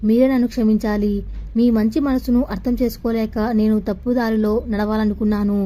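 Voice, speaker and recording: A woman's voice: on the high side, little pitch movement, a little fast, lightly acted. Woman doing a meek, remorseful wife. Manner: meek, apologetic and quiet. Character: lonely remorseful wife of 38, tearful. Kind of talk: audio story dialogue.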